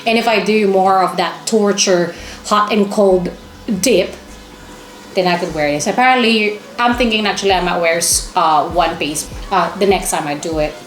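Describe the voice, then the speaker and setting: A woman's voice: fairly low pitch, normal speed. A woman vlogger chatting casually and enthusiastically to camera as she shows things off in a shopping haul. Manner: chatty, enthusiastic, exclaiming over items. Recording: echoey room with music underneath.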